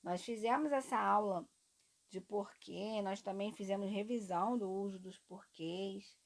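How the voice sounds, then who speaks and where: A woman teacher, speaking at an ordinary mid pitch. She is lively and encouraging, steps through each answer, and checks in with her students as she goes. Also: unhurried. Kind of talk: classroom lesson explaining exercises.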